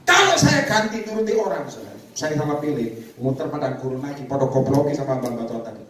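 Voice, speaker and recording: A male evangelist preaches animatedly, his voice swooping up and down as he calls for responses. He sounds set back from the mic, in a hall strong echo and a faint hiss underneath. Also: high-pitched. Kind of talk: sermon. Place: church prayer meeting hall. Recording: echoey hall, distant mic, faint noise.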